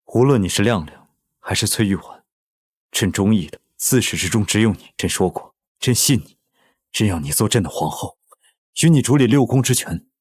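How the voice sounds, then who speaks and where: Low, husky-voiced emperor. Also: male voice, expressive, darkish tone. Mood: tender, earnest. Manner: stately, measured imperial speech. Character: indulgent, commanding emperor devoted to his consort. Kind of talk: costume drama acting.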